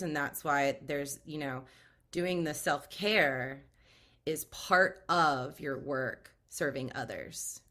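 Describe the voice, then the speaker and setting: A woman podcast guest, a trauma awareness guide, explaining things in a calm, measured way. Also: deep voice. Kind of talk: casual podcast conversation.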